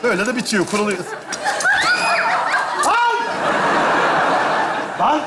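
Bıkkın, bağıran, sinirli kampçı. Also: male voice, extremely high pitch, wildly swooping pitch, slow, a loud crowd, very noisy, exaggerated voice. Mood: grumbling. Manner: loud, exasperated, cursing outbursts. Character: exasperated impatient man camping with a fool. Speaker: comic actor in a sketch. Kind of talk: stage sketch comedy. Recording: roomy stage with loud audience laughter.

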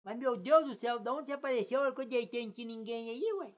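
A man's voice: extremely high pitch, fast. A man playing a naive, flustered country fellow who keeps exclaiming in confusion. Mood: bewildered. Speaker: comic lead.

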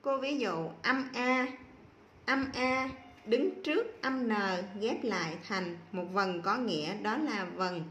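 A woman teacher giving a slow, patient spelling lesson to young children, repeating each sound clearly. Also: a little high, a bit bright, roomy sound, slight background noise. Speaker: primary school teacher.

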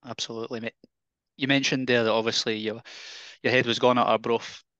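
Easygoing Scottish podcast host. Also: male voice, mid-range voice, level tone, brisk, fairly bright tone, no echo. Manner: easygoing, tentative questions. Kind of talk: casual interview. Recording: dull, dry podcast audio.

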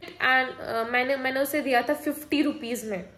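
High-pitched young woman rambling through her vlog, casual and chatty. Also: moderate pace, fairly bright tone, low-quality recording. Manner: chatty, mixes Hindi and English, jumps between topics. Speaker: vlogger.

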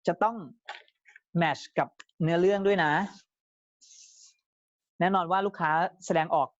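A male sales trainer giving an explanatory lesson in a polite manner, often softening his phrases, sometimes acting out customers to demonstrate. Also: high-pitched, fairly even intonation, a little slow, no echo. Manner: acts out customer lines to demonstrate. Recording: dry, slightly dull lo-fi sound.

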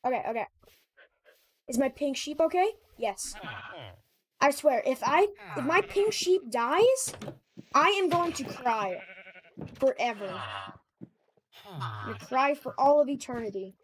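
A woman giving casual, excitable commentary while playing a game, chatting to her animals as she goes. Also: sits high, measured pace, long pauses. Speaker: gamer.

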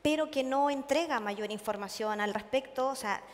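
A woman's voice: high voice, normal speed. A woman giving a conference talk to an audience, earnest and full of hesitations, often checking in with her listeners. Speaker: conference speaker. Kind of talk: public lecture to an audience. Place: large conference hall. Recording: long hall reverb.

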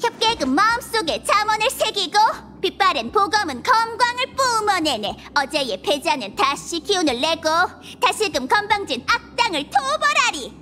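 A woman voicing an excitable cartoon monkey professor in a game, a strict, theatrical judge who scolds in exclamations. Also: very high voice, normal speed, hardly any pauses, slight background noise, exaggerated voice. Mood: theatrical narrating. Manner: exclamatory, scolding, chanting verbal tics.

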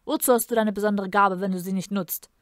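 A woman's voice: mid-range voice, fairly even intonation, fast talker, no room sound, clean studio sound, lightly acted. A woman reading aloud and voicing a cruel, imperious male emperor in a menacing, commanding tone. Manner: menacing, commanding, bursts into furious shouting.

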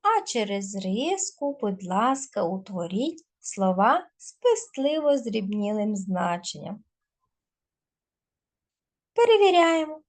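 Slow, clearly dictating woman teacher. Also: mid-range voice, big pitch swings. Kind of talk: recorded video lesson for children.

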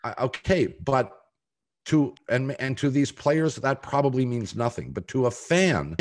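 An older man hosts a sports podcast over a video call from a room in his home, offering opinionated commentary. He talks deliberately and haltingly with pointed pauses, in a mid-range, expressive voice.

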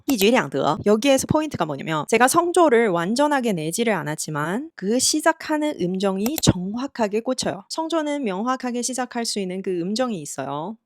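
Lively woman teaching phrases. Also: mid-range voice, no echo, studio quality. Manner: lively, demonstrates Chinese phrases slowly and emphatically. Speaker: Chinese language teacher. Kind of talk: casual spoken lesson.

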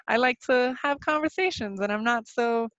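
A woman's voice: a little high, a bit bright, no room sound. Nervous woman hosting a webinar. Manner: nervous, halting, many fillers and restarts. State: slightly sick voice. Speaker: webinar presenter. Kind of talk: live webinar presentation with Q&A. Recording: dull, lo-fi dry webinar audio.

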